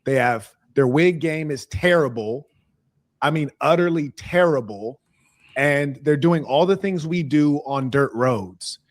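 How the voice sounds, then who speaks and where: A man's voice: fairly high pitch, a little slow, no echo, studio quality. A man giving opinionated commentary in an assertive, sardonic tone.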